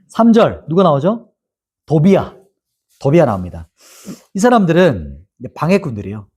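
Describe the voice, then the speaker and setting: A man's voice: fairly high pitch, a little mellow, husky. A male pastor teaching a Bible lesson, asking his listeners questions and answering them himself. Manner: asks the audience questions and answers them, acts out quoted mockery.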